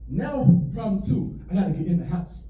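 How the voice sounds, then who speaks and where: A man's voice: high-pitched, a little fast, reverberant, recorded from a distance, background noise. A young man doing stand-up storytelling on a comedy stage and acting out the voices of the people and animals in his story. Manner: animated, acts out voices of grandma and dogs. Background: audience laughter.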